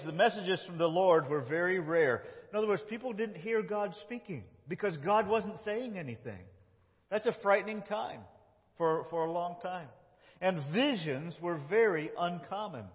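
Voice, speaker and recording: A man's voice rises and falls, lively and expressive, sitting a little high for a man. He is a pastor telling a Bible story to his congregation and voicing its characters. The sound is dull and carried through a large echoing church hall. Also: normal speed. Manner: animated, reads dialogue in lively voices. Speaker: lead pastor. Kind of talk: sermon storytelling with children acting. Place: church sanctuary. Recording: muffled, echoey church hall.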